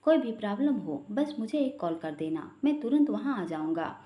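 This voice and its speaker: A woman's voice: mid-range voice, very animated, normal speed, warm tone, close to an everyday voice. A woman voicing a worried, devoted young man who pleads earnestly, in a roomy recording. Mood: anxious. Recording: roomy echo.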